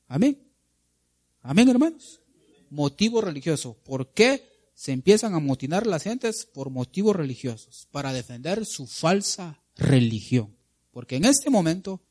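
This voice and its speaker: A man preaches a sermon in a fairly high voice. His pitch swings widely as he throws questions to the congregation and answers them himself. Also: sing-song, unhurried, darkish tone.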